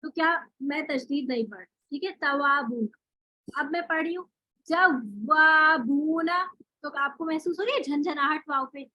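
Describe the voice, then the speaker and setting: A woman's voice: high-pitched, moderate pace, no room sound, highs cut off. A woman teaching Quran recitation in an online class, explaining rules step by step with rhetorical questions and spoken examples.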